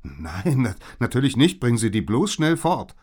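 A man's voice: medium pitch, sing-song, moderate pace, a little mellow, voice pushed up. A man voicing a flustered, stammering passerby in a storybook. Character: nervous, easily scared male passerby.

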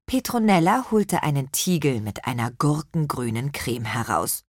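A woman narrating a children's story in an expressive, unhurried way. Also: a bass voice, dry recording, clean studio sound. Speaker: audiobook narrator.

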